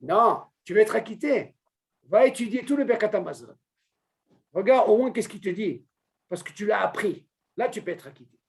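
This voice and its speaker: Man, religious teacher, informal lesson, lively swooping pitch, questions the students. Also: moderate pace, creaky. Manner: animated, repeats a student's name, asks questions. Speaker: Torah teacher.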